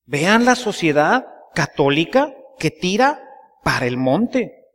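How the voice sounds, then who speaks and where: Priest preaching in a casual, chatty way, high voice, lots of church reverb. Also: male voice, sing-song, slow, fairly bright tone. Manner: folksy storytelling, keeps asking the congregation to agree. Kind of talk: sermon.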